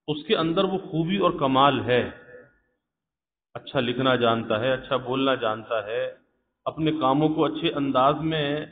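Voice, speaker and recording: A man giving an evening religious lesson in a measured, explanatory way, often asking rhetorical questions. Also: fairly high pitch. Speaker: religious teacher. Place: mosque prayer hall. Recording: phone-like, echoey hall, faint hum.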